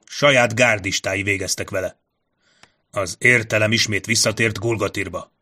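A man voicing a brisk, commanding male general who gives crisp orders. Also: lowish voice, steady tone, pushed and bright.

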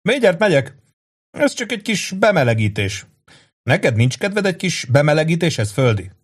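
A man reading an audiobook, voicing a loud, joking young soldier who shouts and teases his buddy. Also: fairly high pitch, sing-song, husky, voice pushed up. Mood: rowdy. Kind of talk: audiobook character voice.

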